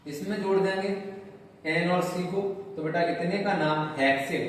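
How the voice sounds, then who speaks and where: Male tutor, fairly high voice, patient and repetitive, recorded far from the mic in an echoey room with faint noise. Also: moderate pace. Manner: patient, repetitive, calls students "beta". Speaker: chemistry teacher. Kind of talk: classroom lecture. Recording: roomy echo, distant mic, faint noise.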